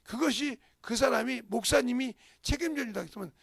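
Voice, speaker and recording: Gravelly husky korean pastor guy preaching, acts out voices, bursts into shouts. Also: extremely high pitch, brisk, no room sound, studio quality. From South Korea. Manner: storytelling sermon, acting out quoted voices, sudden shouts. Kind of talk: sermon.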